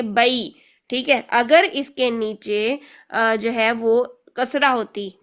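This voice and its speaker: Woman teacher, higher-pitched voice, patient, step-by-step explanations with frequent check-ins. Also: fairly bright tone. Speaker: Quran recitation teacher.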